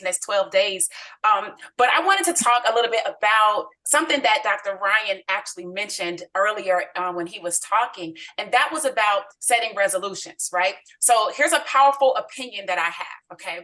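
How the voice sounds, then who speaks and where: Woman with a bright sharp voice, measured opinionated biz talk, lots of ums and "right?". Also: mid-range voice, poor audio. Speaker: guest speaker on a company call.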